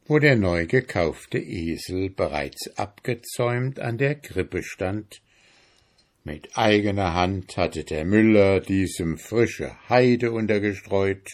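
A man reading a fairy tale aloud in a slow, measured storytelling manner. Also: low-pitched. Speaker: narrator.

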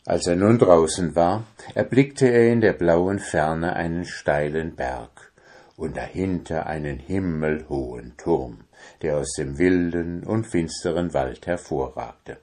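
A man reading a fairy tale aloud as narrator, in a calm, measured storytelling manner. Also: low-pitched.

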